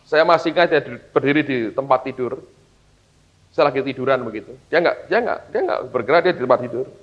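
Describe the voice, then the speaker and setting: A middle-aged male pastor tells a family story from the pulpit, speaking at an ordinary pitch and turning often to his listeners. The recording is dull and lo-fi, with the top end muffled. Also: expressive, fairly quick. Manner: addresses listeners as "saudara", acts out dialogue. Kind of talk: sermon storytelling.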